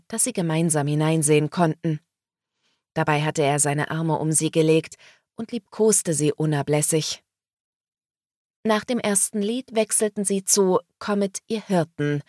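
A woman reading a novel aloud as audiobook narrator, in slow, even storytelling. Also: sits low, no room sound, studio quality.

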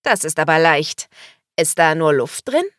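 A woman voicing an excitable, teasing young woman in a storybook, her lines raised and loud. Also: measured pace, dry recording, clean studio sound. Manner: high, loud, exclaiming.

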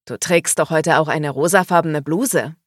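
A woman voicing a calm, affectionate young man in a storybook, a little lower than her narration. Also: moderate pace, dry recording, clean studio sound.

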